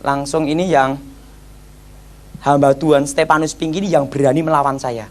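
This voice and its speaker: A male evangelist telling his testimony in an animated storytelling sermon, acting out voices. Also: on the high side, normal speed. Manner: animated, acts out voices, addresses audience as brothers.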